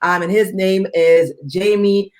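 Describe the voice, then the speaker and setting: A woman hosts a casual church videocast in a cheerful, easygoing way. Her voice sits at a middling pitch for a woman, and she laughs often with her guest. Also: fairly even intonation, unhurried, a little mellow. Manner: upbeat, laughs easily. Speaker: videocast host. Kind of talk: casual interview chat.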